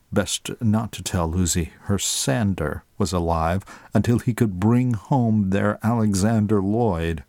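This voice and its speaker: A man narrating a story as an audiobook in a measured way, slowing down for dramatic moments. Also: fairly low pitch, darkish tone, dry recording, studio quality.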